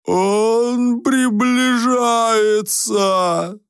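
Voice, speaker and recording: A man voicing a huge, grim male lion who speaks in a slow, drawn-out moan. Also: very high voice, steady tone, clean tone, no echo, clean studio sound, pitched above the performer's own voice, heavily acted. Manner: slow, drawn-out moaning speech.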